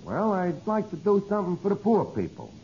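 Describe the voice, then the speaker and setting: A man's voice: high-pitched, wildly swooping pitch, fairly quick, warm tone, exaggerated voice. A male actor playing a dim but scheming, wisecracking tavern man in old radio comedy, with a New York accent and mock-earnest, ungrammatical talk. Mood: naive. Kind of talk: 1940s-50s radio comedy acting. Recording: muffled, hissy old radio recording.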